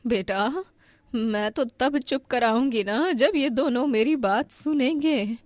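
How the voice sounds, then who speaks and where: A woman's voice: on the high side, takes it slowly, dry recording, studio quality. A woman voicing a weary middle-aged mother-in-law in a cartoon story, who talks in a placating way.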